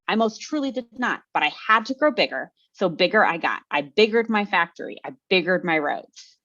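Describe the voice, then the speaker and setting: A woman reads as a greedy factory owner, boastful and defensive, in a lively voice raised above her usual pitch. The sound is dull and lo-fi, like a webinar call. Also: normal speed. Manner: self-justifying, boastful.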